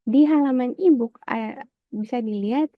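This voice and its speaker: A woman's voice: fairly high pitch, moderate pace, no room sound. Woman walking people thru an e-book, says eh a lot, kinda muffled dry sound. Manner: frequent "eh" fillers, closes points with "begitu". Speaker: webinar presenter. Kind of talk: explaining an e-book walkthrough.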